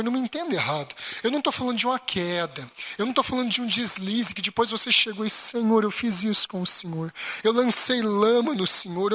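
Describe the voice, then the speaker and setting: High bright-voiced pastor. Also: male voice. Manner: lively, acts out everyday complaints. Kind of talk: baptism class sermon.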